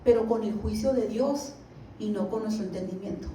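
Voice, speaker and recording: A woman giving a church Bible lesson, reading scripture slowly and often asking her listeners to agree. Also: medium pitch, dark tone. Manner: reads scripture slowly, asks the listeners "¿verdad?". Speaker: Bible teacher. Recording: echoey room, mic at a distance, faint background noise.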